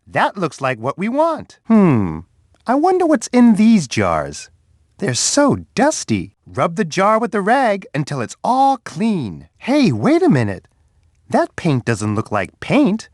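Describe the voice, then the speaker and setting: A big cuddly cartoon bear for a kids game, warm and sing-song, super bouncy pitch, totally dry studio sound. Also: male voice, dry recording, full character voice. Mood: gentle. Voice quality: warm, soft, sing-song delivery with chuckles. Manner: encouraging, speaks directly to a child player. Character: big friendly male bear, gentle and cheerful. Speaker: voice actor for a children's game character. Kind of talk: scripted game voice clips. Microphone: dry studio booth.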